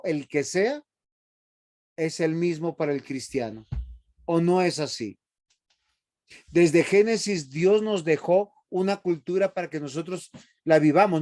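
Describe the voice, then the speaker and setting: A man's voice: on the high side, darkish tone. A man teaching a seminary Bible class, emphatic and often asking the class rhetorical questions.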